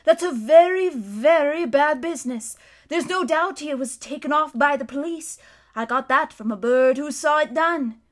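Woman voicing Mister Beaver, a gruff, grave beaver. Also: high-pitched, normal speed, voice pushed up, close to an everyday voice. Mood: gloomy. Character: gruff, gloomy, earnest male beaver.

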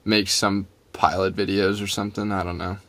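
A young man co-hosting a loose podcast chat, playful and teasing. His voice sits a little low for a man and comes across easygoing. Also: level tone, moderate pace, a bit bright, no room sound. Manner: joking, teasing. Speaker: podcast co-host. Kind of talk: casual chat.

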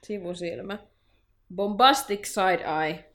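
A young woman chats casually as a podcast co-host, recapping a chapter. She sounds animated and laughs through exaggerated despair. Her voice sits at an ordinary middle pitch.

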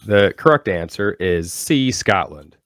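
Very deep male quizmaster, measured delivery, dry recording. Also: dry recording. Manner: steady, reads questions slowly and deliberately. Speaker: podcast co-host running trivia. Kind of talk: casual chat, quiz hosting.

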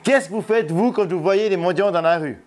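A man's voice: high-pitched, a little fast, a little mellow. A man preaching an informal sermon, joking and putting questions to his congregation at a church gathering in a café. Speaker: pastor.

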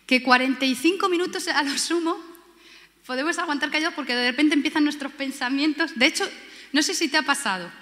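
A woman from Spain preaches a passionate sermon, repeating key words and acting out the voices she quotes. Her voice sits high and is a bit bright, and the recording carries a long hall reverb.

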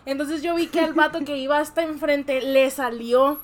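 A woman's voice: high-pitched, steady tone, normal speed. A young woman with a Mexican accent, chatting casually and telling a story in slangy speech, often laughing. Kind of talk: casual chat.

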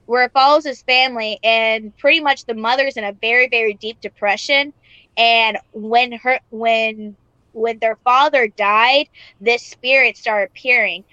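A woman's voice: fairly high pitch, pushed and bright, no room sound. A woman in casual podcast chat, rambling with lots of "like" fillers and casual swearing. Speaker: podcast co-host. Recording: dull lo-fi sound.

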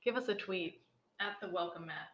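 A woman's voice: fairly low pitch, normal speed, fairly bright tone, roomy sound, muffled recording. A woman co-hosting a casual podcast, joking and irreverent, from Canada. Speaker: podcast co-host. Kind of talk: casual chat.

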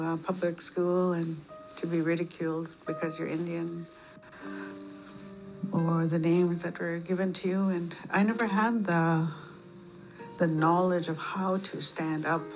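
Quiet, reflective woman giving testimony. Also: fairly low pitch, low-quality recording. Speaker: residential school survivor. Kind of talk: interview testimony.

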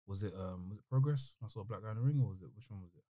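A man with a London roadman accent telling stories in casual, slang-heavy, animated chat. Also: fairly low pitch, very fast, no room sound, studio quality.

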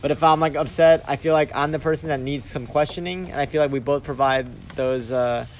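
A man's voice: on the high side, steady tone, a little fast, slight background noise, poor audio. A young man hosting a casual podcast chat, rambling and hedging as he asks his guest questions. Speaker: podcast host.

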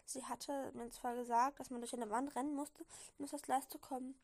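Woman, high-pitched, creaky, slight cold, casual reading aloud, stumbling, giggly. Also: flat delivery, brisk. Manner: stumbling, giggly, self-correcting. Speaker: reader.

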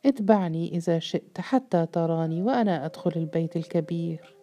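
A mysterious male servant speaks with quiet, reassuring calm, as a woman narrator puts him on. The voice is low and very dark, almost mellow. He never raises it. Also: fairly quick, close to an everyday voice.

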